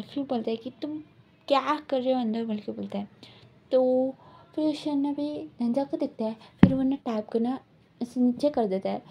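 A woman's voice: high voice, mellow, slight background noise. A woman casually retelling a fanfiction story, rambling with lots of fillers.

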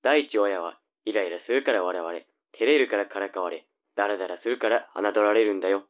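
A man's voice: on the low side, fairly quick, close to an everyday voice. A man playing a nagging, flippant young older brother in a tongue-twister audio drama. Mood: needling.

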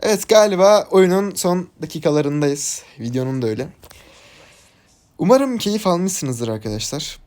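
A young man, casually commenting his own ranked game, excitable and chatty with teammates and viewers. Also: mid-range voice, a little hiss or hum. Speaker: gaming YouTuber. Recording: game music behind the voice.

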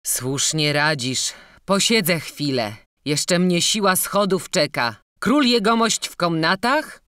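A woman reading the part of a stern elderly male canon scholar, giving brisk, commanding orders. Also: on the low side, animated, a bit bright, clean tone, no echo, clean studio sound, pitched above the performer's own voice. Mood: weary.

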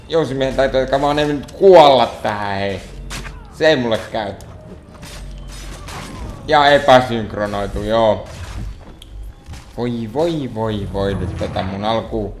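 Man grumbling over gameplay, echoey room. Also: medium pitch. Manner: mutters and grumbles at the game, exasperated. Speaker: let's play gamer. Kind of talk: gameplay commentary.

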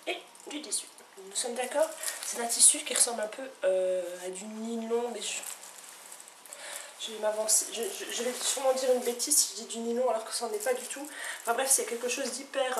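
A woman vlogger chatting casually to camera, enthusiastic and full of fillers. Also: a little high. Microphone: camcorder. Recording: echoey room, somewhat far from mic, faint noise.

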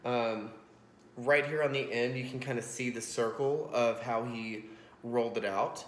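A man in his thirties hosts a casual cooking vlog from his home kitchen, chatting and explaining as he goes with a self-deprecating streak. His mid-range voice stays fairly even and unhurried. An iPhone propped on a stack of books captures roomy, echoing kitchen sound with slight background noise.

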